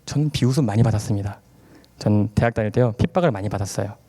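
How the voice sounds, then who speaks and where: A man in his thirties giving a testimony sermon at a church camp, telling stories with animated acted-out dialogue and frequent laughter. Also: on the low side, racing. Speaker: guest speaker at a church camp. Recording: long hall reverb.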